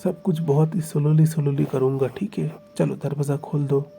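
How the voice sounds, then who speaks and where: A man voicing a domineering young husband who speaks in a quiet, cold and threatening way. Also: on the high side, steady tone, moderate pace, gravelly, slight background noise. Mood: commanding.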